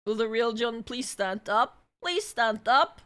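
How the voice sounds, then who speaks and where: Bright high-voiced woman streamer. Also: animated, measured pace, clear, resonant tone. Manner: bubbly, chatty with viewers, bursts of shouting and laughing. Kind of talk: casual live-stream chat.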